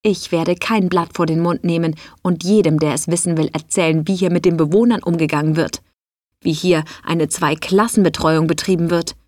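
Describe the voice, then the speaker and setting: A woman's voice: on the low side, fairly even intonation, moderate pace, darkish tone, no room sound, natural voice. A woman voicing a defiant cook who has just been fired, snippy and threatening. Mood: furious.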